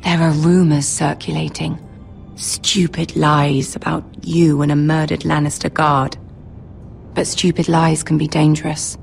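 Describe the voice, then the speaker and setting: Poised, slow-spoken young noble lady. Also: low voice, flat delivery, vocal fry, soft background music, exaggerated voice. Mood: measured, guarded. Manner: formal, measured, imperious. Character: poised, commanding young noble lady, betrothed future queen. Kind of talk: dramatic video game acting.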